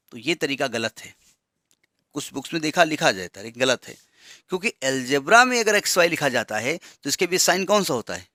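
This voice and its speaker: A man's voice: on the high side, bright, forceful tone, dry recording, clean studio sound. A man teaching a maths lesson, explaining step by step with asides and rhetorical questions. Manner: reads English problem text slowly and deliberately.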